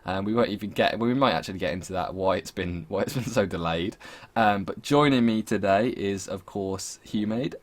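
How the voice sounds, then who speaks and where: A man's voice: fairly low pitch, fairly quick, hardly any pauses. A young man hosting a podcast with casual, sweary, teasing banter over a voice call. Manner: sweary, mocking. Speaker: podcast host.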